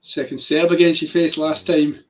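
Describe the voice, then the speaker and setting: Higher-voiced man with strong Glaswegian accent. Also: flat delivery, normal speed. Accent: strong Glaswegian Scottish. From Scotland. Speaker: watchalong co-host. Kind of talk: live tennis commentary and casual chat.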